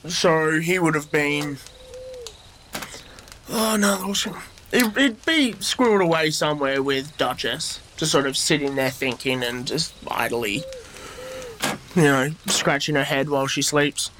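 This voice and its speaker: A man's voice: a little high, unhurried, a bit bright, a little hiss or hum. A man playing a tabletop role-playing game, who talks hesitantly with many fillers. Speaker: player. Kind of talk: tabletop role-play chat.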